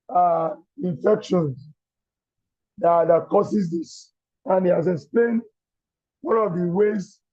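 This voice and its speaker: A man with a Nigerian accent, a coach invited to speak, talking slowly with many pauses in a strained voice over an online call. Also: high-pitched, a little mellow, no room sound, muffled recording. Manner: slow, halting, many fillers. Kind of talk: casual talk on an online call.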